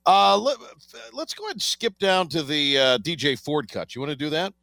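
A man's voice: a little high, sing-song, normal speed, vocal fry, bright, forceful tone, no echo. A man hosting a sports radio segment, talking casually and rambling with many fillers and restarts.

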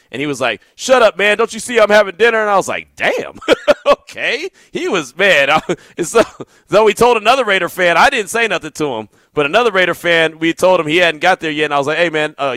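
A male sports radio host in a relaxed storytelling groove, laughing as he goes. His voice sits a touch high and sounds bright and forward. The studio sound is dry and close. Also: no room sound. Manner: laid-back, laughing anecdotes.

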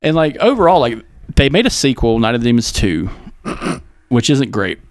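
A man's voice: mid-range voice, sing-song, normal speed, dry recording. Brief: profane joking male podcast host. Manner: profane, joking, laughs often. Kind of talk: casual movie chat.

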